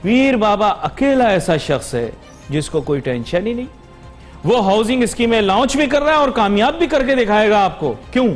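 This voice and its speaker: Hosting a business TV show, a man with a Pakistani Urdu accent delivers a mocking, sarcastic monologue before interviewing a guest over a studio mic. His voice sits high and is expressive, at normal speed, with faint music behind.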